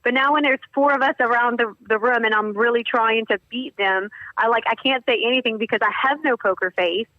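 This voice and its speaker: Woman caller, animated storyteller, dull phone-line sound, dry. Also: fairly high pitch, brisk, few pauses, no echo. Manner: animated storyteller, acts out quotes. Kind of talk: casual chat.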